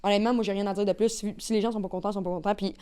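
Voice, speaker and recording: A woman with a Québécois accent talks very fast in a relaxed podcast chat. Her speech is slangy and lively, one story tumbling into the next. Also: medium pitch, clean tone. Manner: rapid, slangy, animated storytelling. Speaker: guest, agency owner. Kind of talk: casual podcast conversation.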